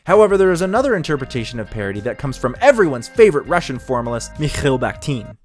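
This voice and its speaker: A man's voice: mid-range voice, big pitch swings, fast, faint music behind. A man giving scripted narration for a video essay in an analytical tone, with dry jokes tossed in. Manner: dry jokey asides in an analytical tone.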